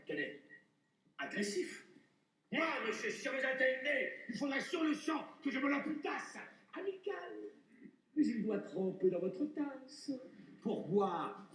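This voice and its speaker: A man's voice: high-pitched, a bit bright, heavily acted. An actor playing a proud, witty swordsman-poet who mocks rivals, declaiming classical verse like a hammy stage actor. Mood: scornful. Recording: roomy echoing stage, distant microphone.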